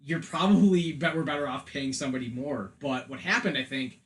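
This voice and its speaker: Talking fairly quickly in a medium-pitched, slightly bright voice, this podcast host chats casually about movies and video games. He rambles, curses freely and keeps making jokey comparisons.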